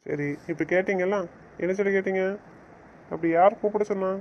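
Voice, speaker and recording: A man's voice: high-pitched, fairly even intonation, fairly quick, muffled recording, a little hiss or hum. A man playing a young newlywed husband who teases his wife and lectures her sternly in a romantic audio drama. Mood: teasing. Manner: teasing, then stern and scolding. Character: young husband, teasing yet bossy with his new wife.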